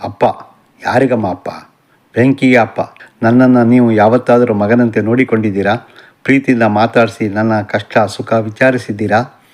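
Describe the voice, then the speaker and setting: A man's voice: lowish voice, fairly even intonation, moderate pace, a little mellow, lightly acted. A man voicing an angry, defiant young male college student in an audiobook novel, speaking in a bitter, confrontational way. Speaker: son.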